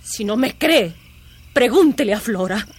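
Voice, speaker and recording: An actress in a radio drama playing a young governess, overwrought and urgent, often dropping into whispers. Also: female voice, fairly high pitch, lively intonation, unhurried, no echo. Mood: frightened intense. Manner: urgent and breathy, slipping into whispers. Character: young female governess, haunted, intense, overwrought.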